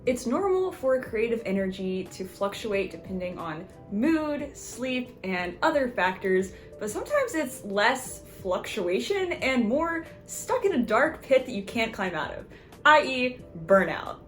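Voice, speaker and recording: A woman's voice: on the high side, big pitch swings, unhurried, a bit bright, soft background music. Chatty woman artist vlogging. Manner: friendly, chatty, self-deprecating. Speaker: artist and video creator. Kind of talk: scripted vlog narration.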